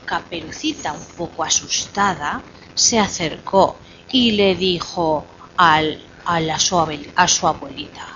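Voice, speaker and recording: A woman telling a fairy tale to a small child, slowly and playfully, pausing so the child can finish the lines. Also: lowish voice, highs cut off, slight background noise. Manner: slow and animated, coaxing the child to finish lines. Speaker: storyteller to a child.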